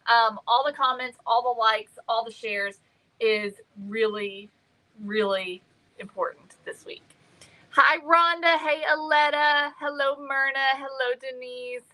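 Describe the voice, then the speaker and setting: A woman hosting a casual craft livestream, greeting viewers by name and filling pauses with many ums. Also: high-pitched, pushed and bright, rough recording.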